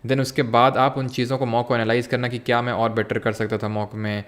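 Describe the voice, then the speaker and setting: A man's voice: mid-range voice, flat delivery, brisk. A young man teaching a live online exam-prep class, mixing Hindi with English terms and answering viewers' chat questions.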